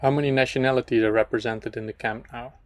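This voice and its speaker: A man reading viewer questions aloud in a flat, even way. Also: mid-range voice, fast talker.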